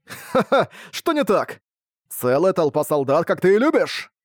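Мужчина играет лихого молодого командира. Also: male voice, a little high, animated, quick pace, no room sound, studio quality, pitched above the performer's own voice, lightly acted. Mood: confident. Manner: commanding, teasing shouts. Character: bold cheerful young male warrior commander.

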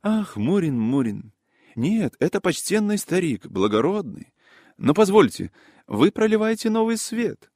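Brief: man doing an eager gossiping middle-aged busybody, high and fluttery, overly polite, dry close audiobook sound. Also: unhurried, no echo, full character voice. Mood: eager, confiding. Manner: excited, ingratiating, old-fashioned politeness. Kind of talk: audiobook character voice.

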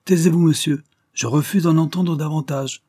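A man's voice: mid-range voice, brisk, warm tone, husky, dry recording, studio quality, pitched above the performer's own voice. A man voicing a stern older squire who speaks harshly and with mockery, in an audiobook reading. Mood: scornful. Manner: harsh, curt, mocking.

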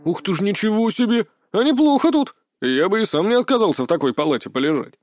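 A man's voice: medium pitch, lively intonation, normal speed, dry recording, faint music behind, close to an everyday voice. A man voicing a cheerful, hearty foreign guest who exclaims jovially, in a dry-sounding audiobook reading. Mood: delighted.

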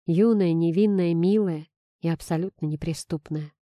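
Lady reading a grim tired dad, low mellow voice, dry sound. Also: normal speed, no room sound, close to an everyday voice. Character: stern cold middle-aged father, confessing.

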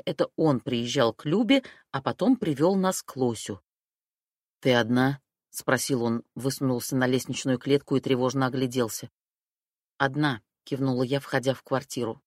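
A woman reading a first-person crime novel aloud in a brisk, wry storytelling manner. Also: low-pitched, no room sound, studio quality. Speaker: audiobook reader.

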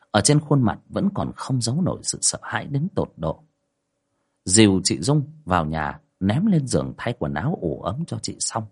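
A man narrating a spoken ghost story in a dramatic way. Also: husky. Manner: dramatic, lively pitch.

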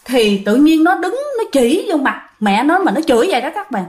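A woman with a Southern Vietnamese accent tells a ghost story in a chatty, casual way, often speaking straight to her listeners. Her voice sits high. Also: very animated, moderate pace, a little mellow. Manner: chatty, addresses listeners directly, many fillers.

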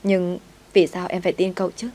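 A woman's voice: fairly low pitch, monotone, a little fast, mellow, natural voice. A woman voicing a timid, devoted young servant girl who speaks politely and pleads with her master. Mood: meek.

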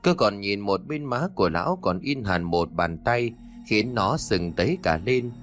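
Male narrator, low and lively, ghost-story reading over soft music. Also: moderate pace. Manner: expressive storytelling. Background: faint music.

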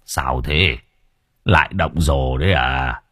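A man reading an audiobook, voicing a poor, gruff but kind-hearted old village man who grumbles and curses slowly. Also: very deep voice, pushed and bright, dry recording, studio quality, pitched below the performer's own voice, full character voice. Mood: puzzled. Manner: grumbling, cursing, slow and weary.

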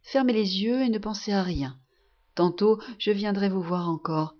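A woman reading aloud, voicing a gentle young woman who soothes and reassures a sick friend. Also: mid-range voice, moderate pace, highs cut off, close to an everyday voice. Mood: coaxing. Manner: soft, coaxing, reassuring.

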